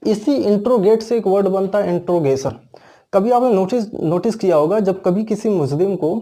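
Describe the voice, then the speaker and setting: A man's voice: sits high, lively intonation, normal speed, mellow. A man with an Indian accent, an English teacher explaining grammar step by step and asking and answering his own questions. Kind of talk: classroom grammar lesson.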